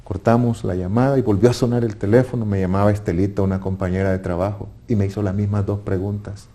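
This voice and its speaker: A man's voice: on the low side, level tone, fast, mellow. A man with a Salvadoran accent giving a personal faith testimony, earnest and now and then restarting his words. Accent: Salvadoran Spanish. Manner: earnest storytelling with hesitant restarts.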